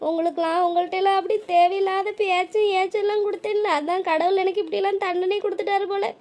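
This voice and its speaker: A woman's voice: extremely high pitch, steady tone, quick pace, darkish tone. A woman voicing a weepy old village widow. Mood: tearful. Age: older. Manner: tearful, pleading, self-blaming. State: crying.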